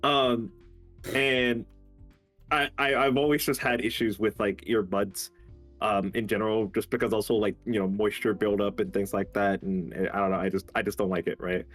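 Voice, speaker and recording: A man's voice: lowish voice, fairly even intonation, moderate pace, fairly bright tone, soft background music. A man co-hosting a podcast, chatting casually in a rambling way full of fillers and swearing. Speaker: podcast co-host. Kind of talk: casual chat.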